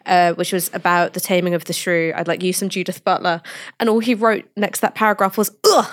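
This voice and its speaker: A woman co-hosting a casual panel discussion, telling stories in an animated, candid way. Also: fairly low pitch, a little fast. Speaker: co-host.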